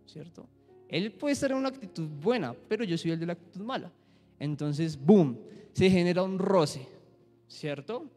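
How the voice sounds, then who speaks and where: A man's voice: high-pitched, a little mellow. A young man teaching an interactive Bible lesson to a church group, asking questions and acting out examples. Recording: echoey hall with faint music.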